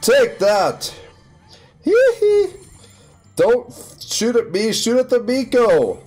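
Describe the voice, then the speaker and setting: A young man giving casual, excitable commentary while playing a video game, yelping and squealing at his wins. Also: very high-pitched, takes it slowly. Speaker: gaming YouTuber. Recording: faint music behind.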